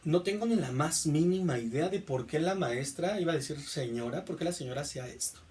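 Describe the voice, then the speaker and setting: A male teacher with a Mexican accent giving a classroom lecture, often checking understanding with a quick question. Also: a little high, animated, darkish tone, distant mic. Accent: Mexican Spanish. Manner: repeats "¿estamos?" to check understanding.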